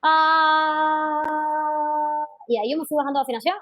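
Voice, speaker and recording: A woman's voice: sits high, rapid-fire, mellow, faint music behind. A woman teaching a singing class, explaining patiently and singing sample notes and scat syllables. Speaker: vocal teacher. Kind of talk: online class feedback to students.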